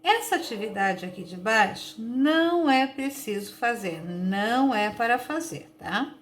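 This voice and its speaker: A woman teacher with a Brazilian Portuguese accent, slowly and patiently sounding out words for young children in a recorded lesson. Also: a little high, expressive. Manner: slow, patient, sounds out words and stretches syllables. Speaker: primary school teacher.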